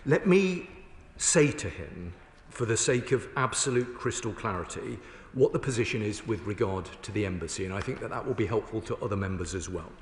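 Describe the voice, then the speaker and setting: A man speaking as a government minister in a formal parliamentary debate, with a combative, emphatic and deliberate rhetorical delivery. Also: lowish voice, animated, slight background noise. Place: large indoor parliamentary chamber. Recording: echoey, reverberant large chamber.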